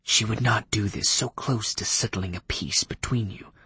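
A man reading an audiobook, voicing a formal old male vampire lawyer who speaks in a stuffy, archaic, quiet, half-whispered way. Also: on the low side, normal speed, a little hiss or hum.

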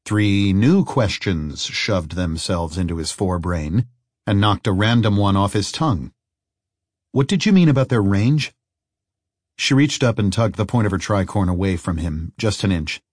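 Male audiobook narrator, lowish voice, steady even delivery, dry close recording. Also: moderate pace, no room sound. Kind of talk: scripted narration.

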